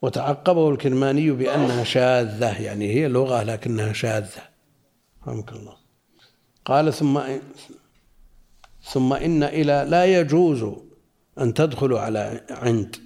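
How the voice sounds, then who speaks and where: Male religious teacher, warm low-key voice, measured reading with everyday explanations. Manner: slow, deliberate reading with spoken asides. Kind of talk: reading and explaining a classical text.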